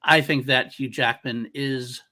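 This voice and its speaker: A man co-hosting a casual movie debate. His voice is bright and forceful, and he often circles back to repeat a phrase. He keeps restarting sentences mid-thought. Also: mid-range voice, fairly even intonation, measured pace. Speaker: co-host.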